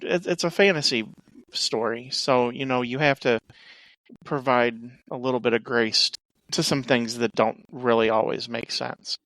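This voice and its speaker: A man's voice: medium pitch, unhurried, a bit bright, no echo. Emphatic man on a movie podcast. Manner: emphatic, stammers on restarts. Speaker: podcast co-host. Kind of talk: casual chat.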